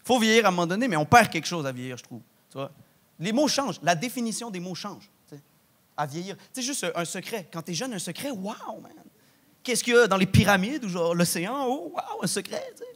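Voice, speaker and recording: A young man with a broad Québécois accent works through a stand-up set, his voice sitting high for a man. He talks in a loose, slangy, animated way and drops Quebec swears throughout. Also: brisk. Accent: Québécois French. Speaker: stand-up comedian. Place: large theatre stage with live audience.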